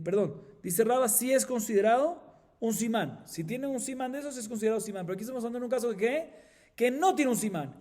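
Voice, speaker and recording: A man's voice: high-pitched, warm tone. A middle-aged man, a rabbi from Colombia, teaching a Talmud class step by step and checking in with his listeners often. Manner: explains step by step, asks "¿sí?" often, chants Aramaic quickly.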